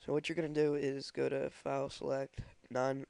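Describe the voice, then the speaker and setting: Congested young man with a gravelly voice. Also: medium pitch, monotone, moderate pace, darkish tone, no echo. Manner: hesitant, many ums and uhs. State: congested from a cold. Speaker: software tutorial maker. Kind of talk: screen-recorded tutorial.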